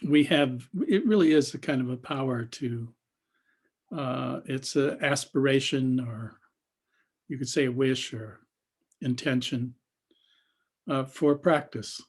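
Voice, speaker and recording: This is a teacher improvising a guided meditation, a man whose husky voice falls in the mid-range. He halts often, pausing at length and letting his phrases drift away.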